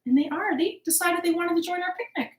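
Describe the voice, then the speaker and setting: Recorded in an echoing home living room, a woman hosts children's storytime with rhymes and counting. Her high voice is slow, animated and encouraging, playfully exaggerated for little kids.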